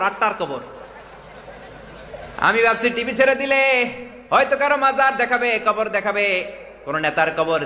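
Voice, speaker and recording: A man's voice: high-pitched, pushed and bright, echoey room, in a large hall, a little hiss or hum. A man preaching a humorous sermon who mimics regional dialects and laughs often. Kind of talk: humorous sermon at a religious gathering.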